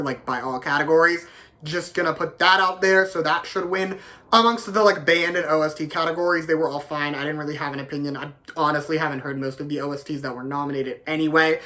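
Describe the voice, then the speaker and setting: Guy vlogging at home, bright voice, salty and sarcastic, swears a lot. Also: sits high. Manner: blunt, sarcastic, swears freely, heated. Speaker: K-pop commentary vlogger. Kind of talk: opinionated casual rant to camera. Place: home, with a dog nearby.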